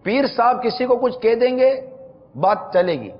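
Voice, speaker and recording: A man hosting a religious talk show, explaining patiently and slowing down to stress key points. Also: extremely high pitch, expressive, big-room sound, muffled recording. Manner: measured, explanatory, slows for emphasis. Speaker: religious scholar answering questions.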